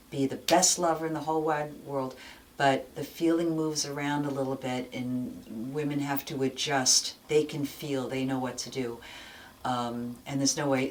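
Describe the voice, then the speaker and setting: A woman's voice: low voice, slight background noise. A woman hosting a talk show, explaining things candidly and checking in with "okay?" as she goes. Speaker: show host. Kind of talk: frank casual talk.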